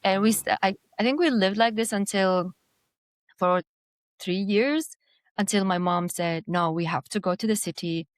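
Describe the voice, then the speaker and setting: A woman's voice: fairly low pitch, no echo. Reflective woman guest from Jordan. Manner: reflective, hesitant with many fillers and restarts. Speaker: design executive guest. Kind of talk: conversational interview storytelling.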